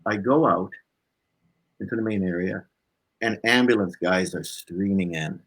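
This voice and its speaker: A blues musician, appearing as an interview guest, speaks in a low, breathy voice at a measured pace over a low-quality recording. He casually tells personal stories with animation, acting out bits of dialogue and tagging phrases with "right?".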